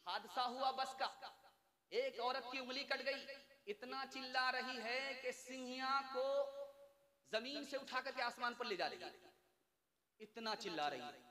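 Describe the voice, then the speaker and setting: A man delivering a sermon to a large gathering, telling stories and acting out the dialogue in them. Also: very high voice. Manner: storytelling, acts out dialogue, ends in drawn-out chant. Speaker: mufti preacher. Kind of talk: Urdu-Hindi sermon with stories and sung verse. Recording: long hall reverb, loud crowd.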